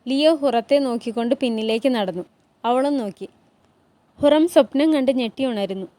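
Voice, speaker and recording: A woman narrating a recap of a historical TV drama, retelling each scene at a steady storytelling pace and reading every part herself. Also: fairly high pitch, normal speed. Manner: steady storytelling, reads all parts herself.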